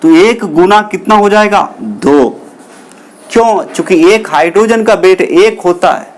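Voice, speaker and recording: Guy teaching chem, kinda high voice, keeps asking stuff and answering it himself. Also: expressive, measured pace. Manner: asks questions then answers them himself, repeats key terms; calls listeners children. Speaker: chemistry teacher. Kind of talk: classroom lecture.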